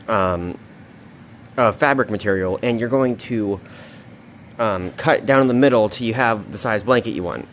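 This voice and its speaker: A man with a mid-range voice runs a craft tutorial vlog from his basement, with slight background noise present. His talk is casual and meandering, full of offhand asides.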